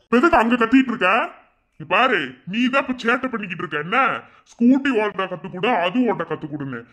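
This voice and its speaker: A man with a Madurai Tamil accent voicing a young village brother and husband in an animated family cartoon, grumbling and scolding. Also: sits high, quick pace. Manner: grumbling, scolding then soothing.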